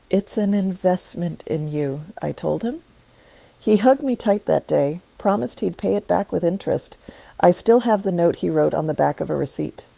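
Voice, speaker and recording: A woman reads a scripted personal story in a measured, thoughtful way, her low voice soft and warm but edged with gravel. The recording is close, dry and without echo, though rough in quality.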